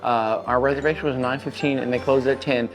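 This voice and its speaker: A man vlogging a family trip, talking fast and excitably while eating at a restaurant. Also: mid-range voice, over music, rough recording. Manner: fast-talking, excitable, talks with mouth full. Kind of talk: casual chat.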